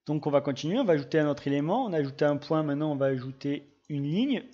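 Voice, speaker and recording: A man talks through a software demo in a relaxed, chatty way, narrating every click as he goes. His voice sits a little high for a man. The recording is dull and lo-fi, from a desktop mic. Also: fast. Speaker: GIS tutorial presenter. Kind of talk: casual screen-recorded software tutorial.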